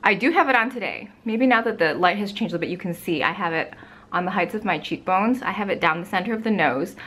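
A woman's voice: mid-range voice, lively intonation, fast, a bit bright. Woman beauty vlogger, thirties, chatty and gushing, filler-heavy, home room, camera in front. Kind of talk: casual product review. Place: bright home room with plants.

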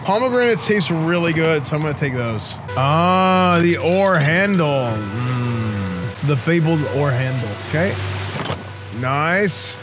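Higher-pitched man casually streaming a game. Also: animated, slow. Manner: goofy, slangy, easily startled exclamations. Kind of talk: casual live gaming commentary. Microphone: boom microphone close up, streaming setup. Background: game music.

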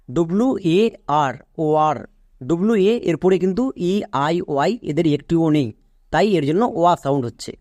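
A man's voice: a little high, darkish tone, no room sound, clean studio sound. A man teaching English pronunciation, spelling words out letter by letter and quizzing his students. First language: Bengali. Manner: spells words letter by letter and asks the class questions. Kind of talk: spelling-rule lesson.

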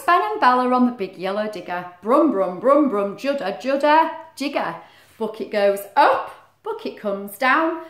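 A middle-aged woman with a fairly high, bright voice reads a picture book to kids indoors in a small living room, where the room's echo and slight background noise come through. Her delivery is expressive, sprinkled with friendly questions and side comments.

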